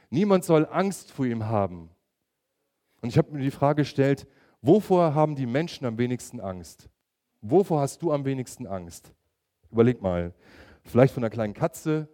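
A man's voice: mid-range voice, warm tone. A middle-aged man preaching a sermon, emphatic and asking his listeners direct questions.

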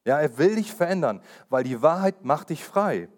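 A man's voice: a little high, sing-song, moderate pace. Earnest man preaching with repeated emphasis. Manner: personal testimony told with urgency. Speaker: pastor. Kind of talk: sermon.

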